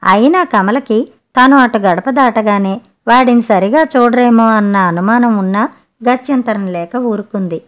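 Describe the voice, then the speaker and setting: A woman storyteller with a somewhat high voice reads a family story aloud. Her narration is steady and expressive, paced like an audiobook. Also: unhurried.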